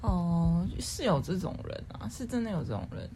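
A young woman, chatting casually as a co-host in a calm, quiet, measured way and airing mild complaints. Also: lowish voice, a little hiss or hum. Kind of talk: casual chat.

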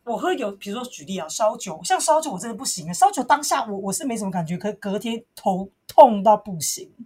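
A woman with a smoky, husky voice co-hosting a podcast in casual, teasing chat. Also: medium pitch, quick pace. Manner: expressive, laughing, teasing. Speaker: podcast co-host.

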